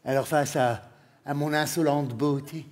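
High-voiced camp comedian from northern France. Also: male voice, measured pace. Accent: northern French. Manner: camp, animated, laughing through his lines. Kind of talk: stand-up comedy. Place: theatre stage. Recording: live show with hall reverb and faint noise.

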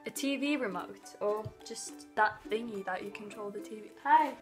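Chatting for her vlog in her living room, a Norwegian woman who speaks Norwegian natively talks into a phone balanced on a pile of things, faint music added behind her. She seems slightly unwell and keeps stumbling and apologizing, with a mid-range voice at normal speed.

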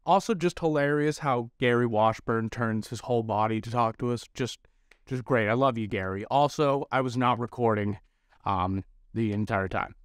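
A man narrates a comedic recap, self-deprecating and rambling. His pitch is mid-range for a man. The recording is dry and close. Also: normal speed, clear, resonant tone, dry recording. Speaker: street reporter narrating.

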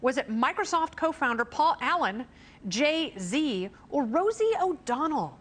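Bubbly high-voiced woman hosting a quiz. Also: big pitch swings. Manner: bubbly, teasing, quick jokes and laughs. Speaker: talk show host running a quiz game. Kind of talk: playful game show hosting.

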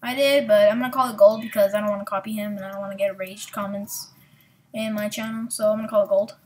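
A woman hosting her own gaming channel, giving excitable, rambling, self-mocking let's-play commentary into a desktop mic. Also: mid-range voice, quick pace, slight background noise.

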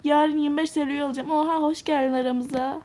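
Teen girl streamer, high-pitched, casual and chatty, thinks out loud while reading comments. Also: steady tone, quick pace. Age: teens. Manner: chatty, answers viewer comments one by one; thinks out loud while touring a game house. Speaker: live streamer.

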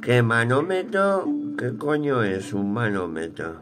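A man's voice: medium pitch, sing-song, over music. A man in his thirties with a Peninsular Spanish accent, chatting casually and thinking aloud in a colloquial, rambling vlog style. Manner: unhurried, thinking aloud, colloquial with mild swearing. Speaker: vlogger. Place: small cluttered room at home, indoors.

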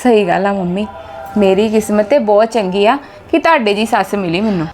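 A woman's voice: medium pitch, normal speed, darkish tone. A young woman playing a chatty, earnest daughter-in-law in a scripted family skit.

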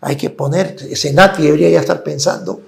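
A man talking as an interview guest, his voice heavily gravelly and set a little high. He lays out his argument step by step and keeps checking in with a quick tag question. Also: fairly even intonation. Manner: explanatory, tags points with "¿no es cierto?". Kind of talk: conversational interview.

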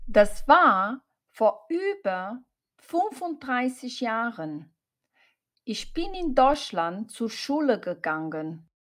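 A woman voicing a slow, plain male student. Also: fairly high pitch, big pitch swings, fairly bright tone, full character voice. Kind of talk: slow scripted dialogue for learners.

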